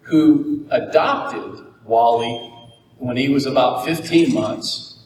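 Folksy keynote speaker from Florida, joking storyteller; boomy hall, distant mic. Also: male voice, takes it slowly, darkish tone, a little hiss or hum. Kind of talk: motivational keynote speech. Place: conference hall. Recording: echoey hall, mic far off.

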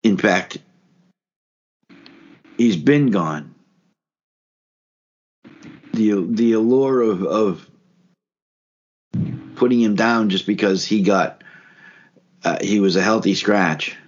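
A man co-hosting a casual hockey podcast, talking in an exasperated, halting way with many restarts. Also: fairly low pitch. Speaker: podcast co-host. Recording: dull lo-fi audio.

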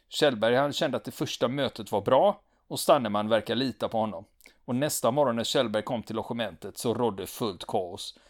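Man telling a true story casually. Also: mid-range voice. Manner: relaxed, with frequent fillers and restarts. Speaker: podcast storyteller. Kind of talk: conversational storytelling.

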